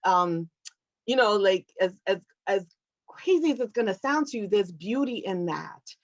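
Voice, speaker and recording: A woman's voice: mid-range voice, lively intonation, unhurried, muffled recording. A woman from Puerto Rico, an activist answering a question in a talk, earnest and reflective, often checking in with "right?". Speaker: award recipient, activist. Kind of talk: conversational answer in an online talk.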